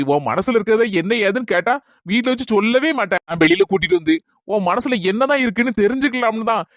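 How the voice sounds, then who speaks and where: Woman doing a teasing young husband, kanyakumari accent, quick but steady, dry sound. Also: fairly high pitch, dry recording, close to an everyday voice. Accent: Kanyakumari Tamil.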